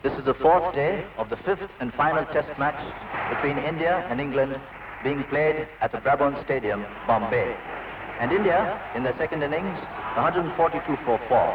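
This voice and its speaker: A man giving measured cricket commentary, as on an old radio broadcast. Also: a little high, phone-quality sound. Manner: measured, precise. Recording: distant, roomy old radio broadcast with noise.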